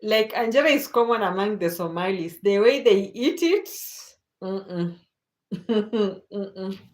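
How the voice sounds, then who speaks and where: An animated Kenyan woman with a medium-pitched voice takes it slowly as she hosts a casual late-night livestream. She reads out viewer comments, chats unhurriedly and laughs often.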